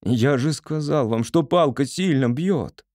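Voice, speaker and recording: A man's voice: a little high, measured pace, a little mellow, no echo, clean studio sound, voice pushed up, close to an everyday voice. A man voicing an earnest young male inventor in an audiobook, explaining things patiently. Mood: shaken. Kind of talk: audiobook character voice.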